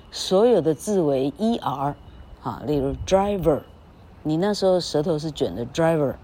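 A woman's voice: low-pitched, mellow, slight background noise. A woman teaching English vowel sounds in casual Mandarin with a Taiwanese accent. She drawls out each vowel as she demonstrates it and tags her phrases with a little "ha". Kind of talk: casual spoken lesson. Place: recording under an elevated railway bridge.

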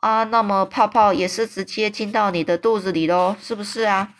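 A woman voicing a big friendly male giant who exclaims and stretches his words out slowly. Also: mid-range voice, fairly even intonation, natural voice. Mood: excited. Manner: exclaiming, drawn-out slow emphatic phrasing.

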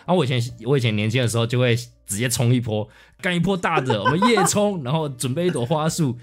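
A quick-talking man, chatting on a podcast in a medium voice. He is animated and plays out his old inner voice, with a little music faint behind him. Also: mid-range voice. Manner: animated, acts out his own past inner voice. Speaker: podcast co-host. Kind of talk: casual chat.

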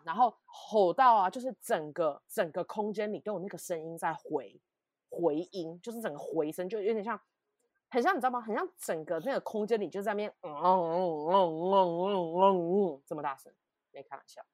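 A woman co-hosting a relaxed podcast, telling a story with lots of emphatic repeats and animated asides. Her voice sits on the low side for a woman. The sound is dry and close to the mic. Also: brisk, no echo. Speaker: podcast co-host. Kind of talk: casual chat.

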